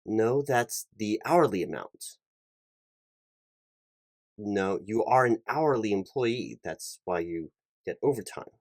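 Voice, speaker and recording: A man with a lowish, darkish voice and lively intonation plays a hiring manager in a one-sided ASMR job interview. He speaks in polite, officious, somewhat halting corporate language, captured in clean studio sound with no echo.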